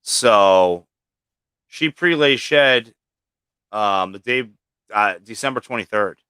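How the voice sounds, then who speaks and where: A man talks loosely about his reptiles, sprinkling in swear words and fillers. His voice is bright and clean, with a crisp edge. The sound is dry, with no room echo. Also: fairly low pitch, slow pace. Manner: casual, swears often, many fillers. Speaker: livestream host and snake breeder. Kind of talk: casual chat.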